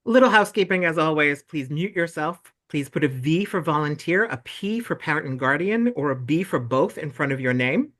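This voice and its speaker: A man's voice: on the high side, animated, normal speed, few pauses, a bit bright. A young man hosting a video-call meeting for volunteers and parents, bubbly and effusive as he gushes over their ideas. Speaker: webinar host for volunteers and parents. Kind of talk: casual online meeting presentation.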